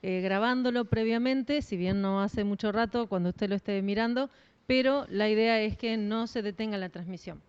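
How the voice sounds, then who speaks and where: A woman's voice: mid-range voice, normal speed, a little mellow, clear, resonant tone. A woman, co-hosting a church broadcast with announcements and encouragement. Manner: encouraging, addresses listeners formally. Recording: muffled lo-fi stream.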